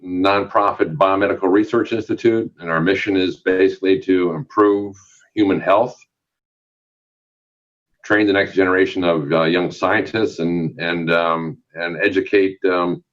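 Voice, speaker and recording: A man's voice: sits low, steady tone, unhurried, dull audio. A man who is an executive at a research institute, answering interview questions formally with some filler sounds. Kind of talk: studio interview.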